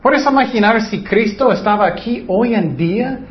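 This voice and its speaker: A man's voice: high voice, lively intonation, normal speed. A man preaching a Bible lesson, arguing his point with rhetorical questions and mocking quotes of what others say. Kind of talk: Bible teaching. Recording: slightly dull lo-fi sound.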